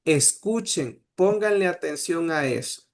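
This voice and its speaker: A man's voice: on the high side, animated, a little slow. Man teaching with lots of "eh". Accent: Salvadoran Spanish. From El Salvador. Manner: hesitant, many "eh" fillers and "¿sí?" checks. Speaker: Nahuat language teacher. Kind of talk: online class lecture.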